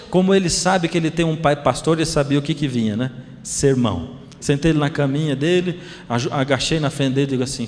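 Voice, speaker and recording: A Brazilian man preaches as a pastor, telling a story and acting out each exchange. His voice sits a little high. It rings with a long hall reverb. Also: slight background noise. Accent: Brazilian Portuguese. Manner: animated storytelling, acting out dialogue. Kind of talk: storytelling sermon.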